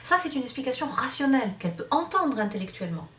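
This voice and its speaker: A woman's voice: sits high, big pitch swings, quick pace, fairly bright tone, far from the mic. A woman teaching a hypnosis course, explaining off the cuff with many fillers and restarts. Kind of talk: online lecture. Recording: roomy sound from off-mic.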